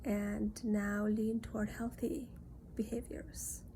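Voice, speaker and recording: Woman, gravelly low-key mellow voice, earnest casual talk, kinda whispery at times. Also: flat delivery, slow, slight background noise. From Nepal. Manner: earnest and reassuring, drifting into soft near-whispers. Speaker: self-reflection vlogger. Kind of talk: casual reflective monologue.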